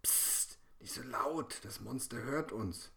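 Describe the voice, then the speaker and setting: A man's voice: on the low side, animated, normal speed, fairly bright tone. A man doing a frightened whispering little girl. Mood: scared whisper. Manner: whispering, pleading.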